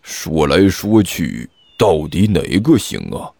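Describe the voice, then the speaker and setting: A man's voice: sits low, sing-song, takes it slowly, darkish tone, dry recording, voice pushed down, heavily acted. A man voicing a lazy, sly old male immortal who drawls evasively and plays innocent in an audiobook. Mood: drawling, coy.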